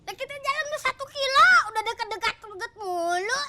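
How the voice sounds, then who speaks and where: A man's voice: very high voice, expressive, brisk, background noise. A man playing a whiny, nervous ambulance driver in a comedy sketch.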